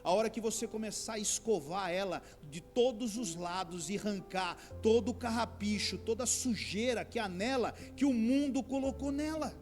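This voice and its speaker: A man's voice: sits high, moderate pace, few pauses, a little mellow, soft background music. A man pastor preaching a sermon, addressing the congregation as brothers and rising into pleading outbursts.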